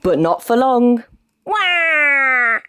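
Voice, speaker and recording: A young British woman reading a children's bedtime story with animated, storytelling expression. Her voice sits low but leaps around a lot, and the sound is close and dry. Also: measured pace, no echo. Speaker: storybook reader.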